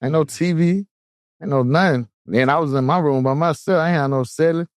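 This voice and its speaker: A man's voice: a little high, fairly quick, dry recording, clean studio sound. Laid-back man in his thirties. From Atlanta, US. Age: 30s. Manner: laid-back, candid, peppered with "you feel me". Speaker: guest rapper. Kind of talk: casual chat.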